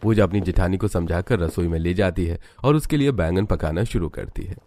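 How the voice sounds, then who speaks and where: Deep-voiced man narrating a cartoon story. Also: a little fast. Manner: even, storytelling delivery.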